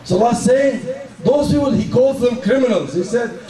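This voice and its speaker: A man's voice: very high-pitched, animated, moderate pace, crowd noise. A man preaching a sermon in an emphatic way, asking rhetorical questions and reciting verses. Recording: echoey hall, voice from a distant mic.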